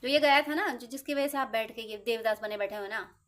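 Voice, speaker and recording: A woman speaks in a high voice as a tarot reader. She gives a casual motivational talk, chatty and playful, and drops quick acted-out asides. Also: fairly bright tone.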